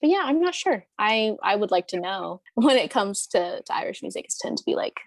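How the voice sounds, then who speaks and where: A woman's voice: mid-range voice, sing-song, fairly quick, no echo. A woman in her early twenties, talking casually as an interview guest, rambling with lots of fillers and restarts. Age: 20s. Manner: rambling, hesitant, many fillers and restarts, laughs often.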